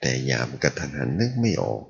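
A man reading a translated martial-arts novel aloud as the serial's narrator, telling it in an animated way. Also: fast. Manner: animated storytelling. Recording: dull lo-fi audio.

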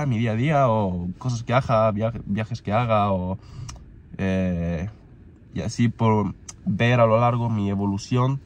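A man's voice: on the low side, a little mellow, slight background noise. Congested young man with a cold. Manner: rambling, many fillers and restarts. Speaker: vlogger. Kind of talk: casual vlog talk.

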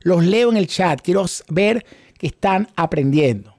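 A man's voice: high-pitched, lively intonation, unhurried, a little mellow, dry recording, clean studio sound. A middle-aged man teaching a live online class in Spanish mixed with English terms, quizzing viewers and repeating phrases for emphasis. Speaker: instructor in options trading. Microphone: close studio microphone on a desk setup.

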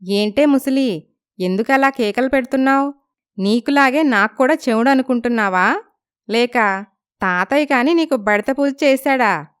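A woman's voice: fairly high pitch, unhurried, clean tone, voice pushed up, natural voice. A woman voicing a cheeky, feisty young woman in a storybook, talking back with sass. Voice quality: cheeky, sassy. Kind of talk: storybook narration.

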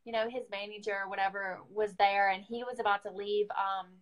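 A woman's voice: medium pitch, flat delivery, fairly quick. A woman, a beauty guide with an Oklahoman accent, telling a story in a chatty, casual live chat, full of fillers and quoted asides.

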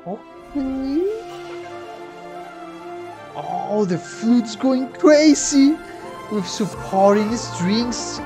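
In a home room filled with instruments, a musician watches game trailers and reacts with casual, slangy exclamations as game music plays in the background. His voice is very high, expressive, and creaky, and he talks very slowly, pausing often.

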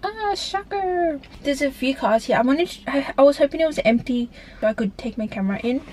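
A woman's voice: sits high, animated, fairly quick, darkish tone, slight background noise, rough recording. A woman, chatting casually into a handheld camera in a rambling vlog style. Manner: chatty, rambling, filler-heavy. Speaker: vlogger. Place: car, gym and home. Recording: music playing behind.

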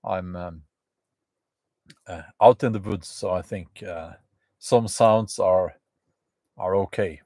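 Slow, halting man live from the woods. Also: deep voice, dark tone, no echo. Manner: halting, many fillers and restarts. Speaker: channel host. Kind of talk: live stream chat to viewers. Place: outdoors in the woods at a campfire.

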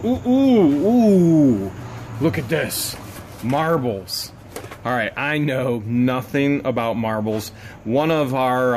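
This storage-unit reseller from the United States talks through his unboxing casually and without rushing. Whenever something good turns up, he bursts into excited, high exclamations; a slight hiss sits under the recording.

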